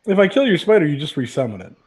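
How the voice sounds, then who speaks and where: A man's voice: a little high, big pitch swings, very fast, darkish tone, husky. A man acting as game master, explaining rules and outcomes to players in a playful, teasing way on a live stream. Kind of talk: narrating a tabletop game. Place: home studio, live stream.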